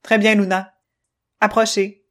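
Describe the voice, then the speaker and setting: A woman voicing a strict, controlling male machine character who speaks in a jerky, choppy, robot-like way, loud and clipped, in a children's storybook. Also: medium pitch, flat delivery, a little slow, natural voice. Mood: formal.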